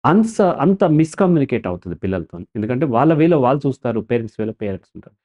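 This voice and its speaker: Appearing as a counselor guest in an interview, this man speaks rapid-fire at a medium pitch, and the recording has its highs cut off. His tone is explanatory and lively, and he tends to ask himself questions and then answer them.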